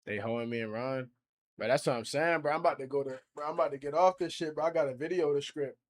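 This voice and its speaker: A streamer in his twenties chats casually on a livestream, using heavy slang as he reacts to and reads out viewer comments. His voice is on the high side and he talks quickly.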